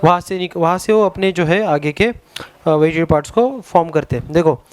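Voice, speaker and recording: A man with an Indian accent teaching a science lesson to a class, mixing two languages, pausing to search for words. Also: fairly high pitch, no echo. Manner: explains in a Hindi and English mix, spells words out; halting, searches for words with many fillers.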